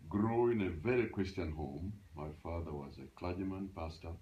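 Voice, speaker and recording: A man in his eighties from Uganda, reminiscing in a home interview, halting and restarting as he recalls his past. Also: low-pitched, highs cut off, slight background noise. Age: 80s. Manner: halting, restarts often, animated when recalling. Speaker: interviewee, grandfather. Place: grandparents' house, indoors.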